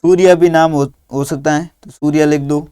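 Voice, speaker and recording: A man teaching young children through a workbook, dictating words slowly and patiently one at a time. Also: on the high side, fairly even intonation, mellow, clean tone, no echo, clean studio sound.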